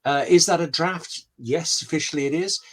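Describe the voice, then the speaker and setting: Speaking at a moderate pace, a man with a fairly high, slightly breathy voice fields questions as a scriptwriter guest. He's on a video call in a home room with books, conversational in manner, trading anecdotes and thinking out loud through asides and questions he poses to himself.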